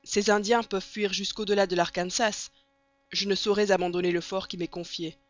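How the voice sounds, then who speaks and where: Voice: medium pitch, steady tone, fairly quick, dry recording, natural voice. A reader voicing a proud, formal army captain who speaks firmly in an audiobook. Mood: stern. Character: stern army fort captain, man. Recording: dull lo-fi recording.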